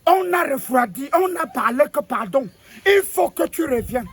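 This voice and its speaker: A man's voice: extremely high pitch, lively intonation, moderate pace, dry recording. A man playing a pompous old self-styled spokesman of the ancestors, rambling and stammering as he sermonizes. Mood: sermonizing. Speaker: comic figure lecturing on national football. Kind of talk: comedy sketch monologue.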